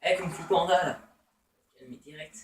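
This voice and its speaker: A man's voice: a little high, normal speed, reverberant, recorded from a distance, slight background noise, poor audio. A man giving casual, playful let's-play commentary, teasing opponents with taunts and exclamations. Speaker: gamer.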